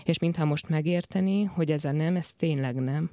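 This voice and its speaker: A man with a fairly high, gravelly voice reads literary prose aloud in a calm, measured way. The sound is dry and close, with no room around it. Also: no room sound. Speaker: reader of a literary text. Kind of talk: literary prose reading on radio.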